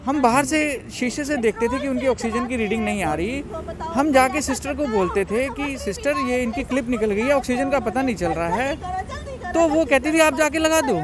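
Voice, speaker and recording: Crowd noise surrounds this high-voiced man, a relative of the deceased, as he speaks briskly to a reporter outdoors at a cremation ground. Agitated, he recounts what others said in dialogue form.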